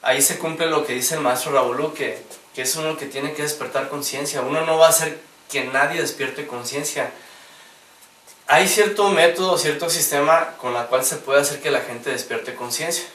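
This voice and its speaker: A man's voice: on the high side, normal speed, a bit bright, recorded from a distance. A man giving a spiritual lecture, telling anecdotes, acting out the quoted lines and laughing at his own stories. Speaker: gnostic instructor. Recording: roomy sound, voice from off mic.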